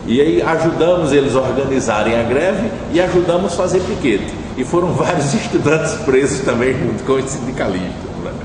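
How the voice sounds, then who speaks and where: A middle-aged man, recalling past events in a measured, reflective interview. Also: medium pitch, animated. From Brazil. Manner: measured, reflective, with frequent tag questions. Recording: distant, echoey, noisy room.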